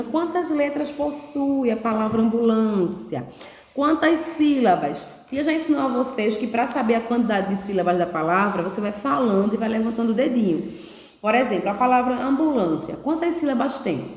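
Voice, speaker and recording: A woman primary school teacher explaining a lesson to young children, patiently sounding out syllables slowly and checking in often. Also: fairly high pitch. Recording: echoey room, long reverb.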